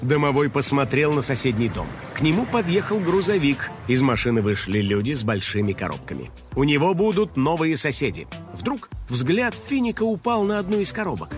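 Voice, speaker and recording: Lively male storybook narrator. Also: a little high, a little fast, hardly any pauses, music in the background. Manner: lively, playful.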